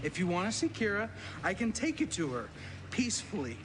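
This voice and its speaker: An actor playing a fussy, rule-bound warehouse worker in a comic film, nervously polite, officious and stammering. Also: male voice, high-pitched, wildly swooping pitch, brisk. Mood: nervous, placating. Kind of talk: comedic film acting. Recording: noisy movie location sound.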